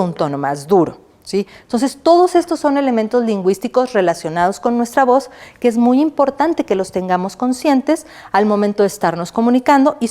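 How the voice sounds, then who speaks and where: A woman's voice: on the high side, a little mellow. Woman lecturing with rhetorical questions. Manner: poses questions to listeners and answers them herself; checks in often with a quick "right?". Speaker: university lecturer. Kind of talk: recorded online lecture.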